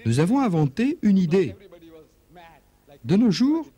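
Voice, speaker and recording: A man preaching in a dubbed religious lecture, emphatic, asking rhetorical questions, his pitch swinging up and down. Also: wildly swooping pitch, a little slow, dark tone, breathy edge.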